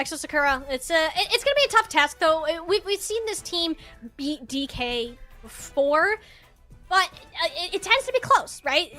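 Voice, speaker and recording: With a high, sharp voice, a woman esports caster chats through a match preview in a playful, emphatic way. Background music plays behind her.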